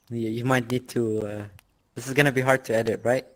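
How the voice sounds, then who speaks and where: A man answering interview questions in a casual, boastful way, with filler words and laughs. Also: medium pitch. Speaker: interviewee, clan leader.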